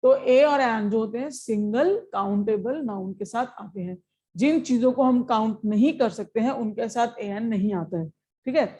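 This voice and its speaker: Mellow-voiced woman teaching a grammar lesson. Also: a little high. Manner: explains step by step, mixing Hindi and English; keeps checking understanding with short questions. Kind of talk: online exam-prep lesson.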